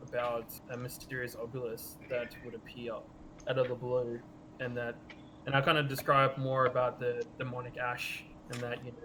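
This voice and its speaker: Even-toned man playing a tabletop game. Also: medium pitch. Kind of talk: casual improvised role-play talk. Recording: clearly noisy room recording.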